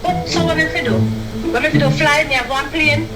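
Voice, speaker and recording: A woman with a Jamaican accent, a mother talking briskly and scolding on a phone call heard through a speaker. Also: sits high, fairly even intonation. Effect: heard over a phone call on speaker. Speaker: caller's mother. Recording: echoey phone speaker, loud music behind.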